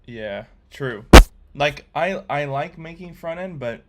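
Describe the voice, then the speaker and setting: A young man learning to code chats loosely with his viewers on a laid-back livestream, reading chat aloud with lots of ums and restarts. His voice is an ordinary middle pitch, and keyboard typing can be heard behind him.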